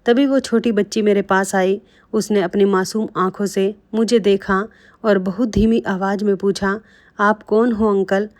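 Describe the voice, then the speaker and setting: A woman narrates a dramatic first-person story in an emotional storytelling manner. She speaks directly to her listeners, at an everyday medium pitch. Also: steady tone, normal speed, darkish tone. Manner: emotional, addresses listeners as friends.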